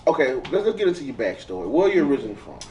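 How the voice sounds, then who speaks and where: A man's voice: medium pitch, very animated, racing, a little mellow, lo-fi sound. A man hosting a casual chat show, joking and laughing often and boasting about himself. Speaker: host. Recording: echoey room, far from mic, faint noise.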